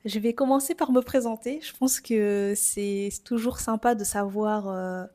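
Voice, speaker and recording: A woman in her twenties with a French accent from France hosts a personal, reflective podcast, talking in an informal, confiding way. Her warm, medium-pitched voice is steady and measured.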